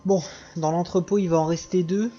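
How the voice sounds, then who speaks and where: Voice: mid-range voice, steady tone, normal speed, mellow, husky, highs cut off, soft background music. A let's player giving casual, informal gameplay commentary, thinking aloud with some mild swearing. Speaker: video game let's player.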